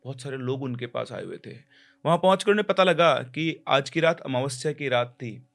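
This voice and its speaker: A man's voice: mid-range voice, animated, normal speed, gravelly, a bit bright. A man narrating a horror story in a conversational, explaining way, with small restarts.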